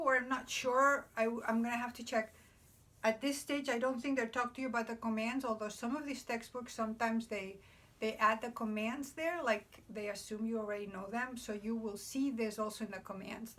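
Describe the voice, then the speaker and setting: A woman's voice: fairly high pitch, a bit bright. A woman teaching a grammar lesson at a board, explaining patiently and checking in with "okay?" after each point. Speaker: Spanish teacher. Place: indoors beside a whiteboard.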